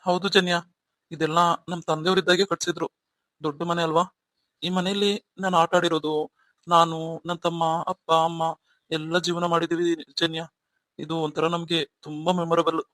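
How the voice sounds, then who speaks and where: A man's voice: on the high side, level tone, moderate pace, a bit bright, no echo, lightly acted. A man voicing a remorseful young husband in a cartoon story, coaxing and pleading with his wife. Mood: reminiscing.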